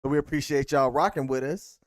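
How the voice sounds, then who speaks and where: A man's voice: medium pitch, steady tone, fairly quick, no room sound. An American man co-hosting a casual live-stream chat as a podcast host.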